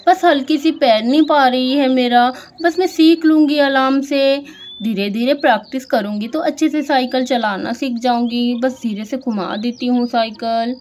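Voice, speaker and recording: A woman's voice: high voice, normal speed, a little hiss or hum, close to an everyday voice. A woman voicing an eager little girl who chatters to herself in a doll story. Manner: chatty, excited, talking to herself.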